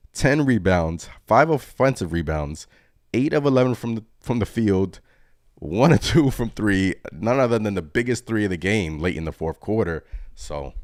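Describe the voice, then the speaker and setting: Deep-voiced excitable man. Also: dry recording, clean studio sound. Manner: excited and rambling, reads chat comments aloud. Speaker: sports fan channel host. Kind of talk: live-streamed postgame reaction.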